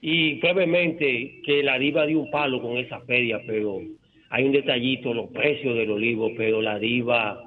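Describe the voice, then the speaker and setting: A man's voice: mid-range voice, moderate pace. A man calling into a radio show from home over the phone, chatting and rambling with lots of hesitant fillers. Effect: phone line into a radio show. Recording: tinny phone line.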